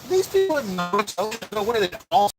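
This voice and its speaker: A middle-aged man hosting a casual livestream chat as a comedian, rambling with lots of fillers and quick chuckles. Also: high voice, sing-song, over music. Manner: chuckling, full of fillers and restarts.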